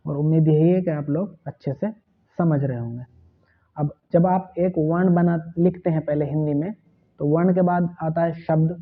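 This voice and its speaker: A man's voice: fairly high pitch, fairly even intonation, moderate pace. A man teaching an online language lesson, patiently spelling out letters and their sounds. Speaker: Urdu teacher. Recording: tinny phone-like sound.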